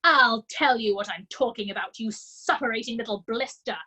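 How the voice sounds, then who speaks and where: Woman doing a big bossy headmistress, barking, yelling, loud and high, a bit breathy. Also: animated, measured pace. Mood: furious. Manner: barking, shouting, theatrical. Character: tyrannical bullying female headmistress, booming.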